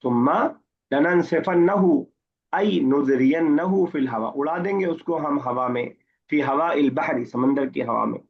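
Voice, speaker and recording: Male Arabic teacher, mid pitch, husky, slow recitation and plain explanation, dull lo-fi line. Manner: reads the Arabic slowly, then explains in Urdu and quizzes students. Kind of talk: online class lesson, word by word. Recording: muffled lo-fi online class audio.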